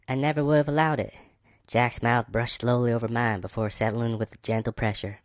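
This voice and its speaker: A woman's first-person romance narration, read aloud by a man in a slightly raised voice. He uses a mock Texas accent and keeps a steady, mid-pitched reading pace. The recording is dry and close. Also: dry recording, close to an everyday voice. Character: woman narrating her own romance story.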